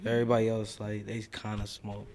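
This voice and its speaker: A man's voice: on the low side, completely flat delivery, brisk, over a noisy crowd. A man in a rap crew, laid-back and joking as he talks in a group interview. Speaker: rapper, crew member.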